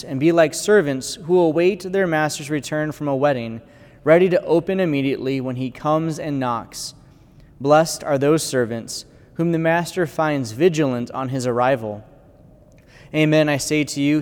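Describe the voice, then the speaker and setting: A clergyman reading the gospel and preaching a conversational homily in a church with a cathedral-like echo. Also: on the high side. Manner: conversational preaching with fillers, bursts of loudness. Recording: long church reverb.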